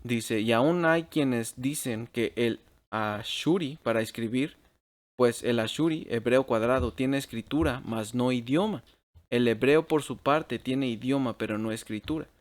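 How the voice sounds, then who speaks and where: A man's voice: mid-range voice, unhurried. A man teaching a Bible class over shared slides at a computer mic, checking in with "ok?" after nearly every phrase and dropping English words into his Spanish.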